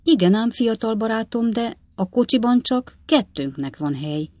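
A reader voicing an earnest, proper elderly gentleman in an audiobook, speaking gravely and a little flustered. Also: medium pitch, expressive, no room sound, pitched above the performer's own voice, natural voice. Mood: reproachful. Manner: grave, reproachful, slightly flustered. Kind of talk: audiobook character voice.

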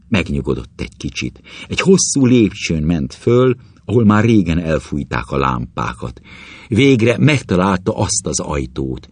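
A man reading a literary story aloud as an audiobook narrator, in an expressive, dramatic way that suddenly climbs higher in pitch at tense moments. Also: husky, dry recording. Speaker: audiobook reader.

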